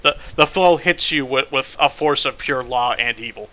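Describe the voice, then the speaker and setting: Bright-voiced young man running the game. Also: mid-range voice, normal speed. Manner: teasing, swears casually. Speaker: dungeon master. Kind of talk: running a tabletop game, casual banter.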